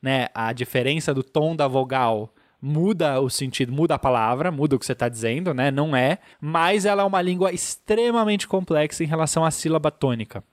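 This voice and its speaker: A man's voice: fairly high pitch, a little fast, few pauses, no room sound, studio quality. A man with a Brazilian Portuguese accent, a podcast co-host patiently explaining things in casual chat, often adding "né?". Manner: patient explainer, peppers sentences with "né?".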